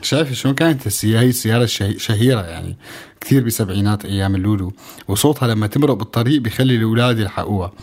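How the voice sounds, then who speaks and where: A man's voice: fairly low pitch, very fast, a little mellow. A man with a Syrian Arabic accent co-hosting in a casual, chatty way, often repeating words as he tells stories. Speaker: co-host. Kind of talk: casual conversational storytelling.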